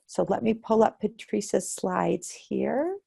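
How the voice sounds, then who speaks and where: A woman's voice: mid-range voice, expressive, takes it slowly, creaky, mellow, breathy edge. An American woman hosting and presenting an online webinar. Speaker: webinar host.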